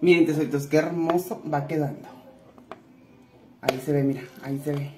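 A woman chatting warmly with viewers while cooking in her home kitchen, calling them little treasures. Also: deep voice, steady tone, moderate pace, faint music behind. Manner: chatty and affectionate, calls viewers "tesoritos". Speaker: cooking vlogger. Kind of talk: casual cooking chat to viewers. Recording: echoey room with faint noise.

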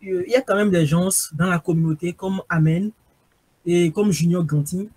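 A man's voice: sits high, steady tone, moderate pace, darkish tone, husky, dry recording. A man with a Beninese French accent hosting an interview, asking curious, teasing questions. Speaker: interviewer host.

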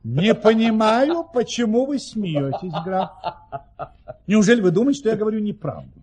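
An actor playing a boastful, cheerful baron who tells tall tales in an earnest, courteous, theatrical manner in an audio play. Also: male voice, high voice, expressive, normal speed, a little mellow, a little hiss or hum. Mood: mock offended.

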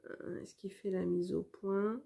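A woman's voice: medium pitch, little pitch movement, measured pace, creaky, mellow. A woman hosting a knitting vlog, chatting casually with lots of hesitations and restarts while showing her work to the camera. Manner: hesitant, many fillers and restarts. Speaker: knitting podcast host.

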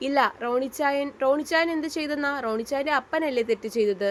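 Brief: a woman reading as a tearful young heroine in an audio story, pleading, shaken, high-pitched. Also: fast, a little hiss or hum, lightly acted. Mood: doubting.

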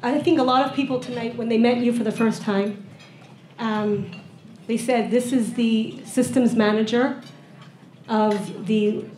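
A woman's voice: on the high side, steady tone, unhurried, darkish tone, a little hiss or hum. Woman interviewer, formal articulate delivery, handheld mic, echoey hall, faint ambience. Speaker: interviewer and program director. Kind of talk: hosting an on-stage interview. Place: event hall with audience.

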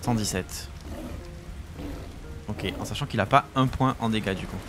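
A man's voice: lowish voice, normal speed, music in the background. Chatty French man commentating gameplay. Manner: enthusiastic, chatty, talks to his tame creature. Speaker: gaming YouTuber.

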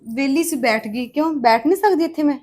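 An actress playing a stern sister-in-law who lectures a younger girl with sharp retorts. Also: high-pitched, quick pace, natural voice. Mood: scolding.

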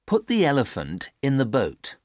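A actress as a patient instructor with a very low voice and hugely varied intonation. She speaks careful, stilted textbook dialogue in a dry studio sound. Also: huge pitch swings, moderate pace, a little mellow, dry recording, heavily acted. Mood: patient, instructive. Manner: careful, over-clear instructing. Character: patient adult giving simple picture instructions.

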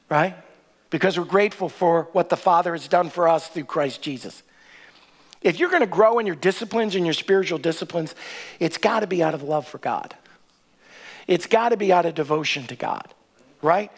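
A middle-aged male pastor preaching a sermon in a large church sanctuary, emphatic and asking the crowd rhetorical questions, often tagging lines with "right?". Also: sits high.

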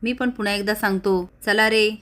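A woman's voice: mid-range voice, fairly even intonation, normal speed, a bit bright, natural voice. A woman voicing a defiant older village elder who stands up to the police and rallies the villagers. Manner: defiant, rallying.

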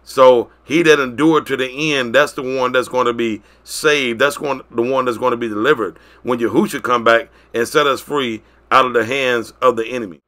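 A man preaches to his congregation in a bright, forceful tone. He pushes some lines out loud and lets others fall quiet and drawn out. His pitch sits in the middle range for a man. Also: steady tone. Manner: preaching, swinging between loud declarations and quiet drawn-out phrases. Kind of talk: sermon.

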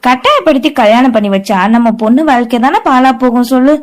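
Woman voicing a patient calming relative. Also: sits high, fast talker. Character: calm middle-aged woman, patient relative.

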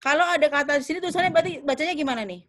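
Young female teacher, slightly raised pitch, patient, self-correcting, checks in often. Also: racing, fairly bright tone. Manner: thinks aloud with fillers and self-corrections. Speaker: English teacher. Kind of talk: online class explanation.

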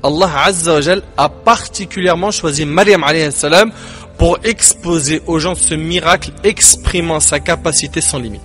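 A man delivers a sermon in a noticeably high voice. His delivery is emphatic, with rising peaks and sudden soft drops. Quiet music plays underneath. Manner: emphatic, rising and falling delivery with dramatic pauses. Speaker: preacher.

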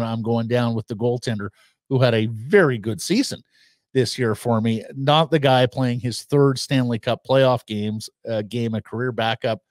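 A man in his fifties co-hosting a post-game hockey podcast, speaking in a measured, analytical way and running through stats, recorded on a studio mic in a small room. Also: medium pitch, dry recording. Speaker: podcast co-host. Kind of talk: casual sports analysis. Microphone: studio mic on boom arm with headphones.

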